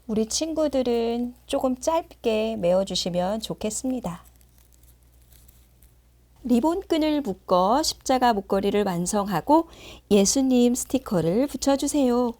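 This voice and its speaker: Woman, higher-pitched, unhurried, sing-song, children's lesson narration, Sunday school teacher tone. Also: expressive, dark tone. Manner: sing-song, slow, simple speech aimed at small children.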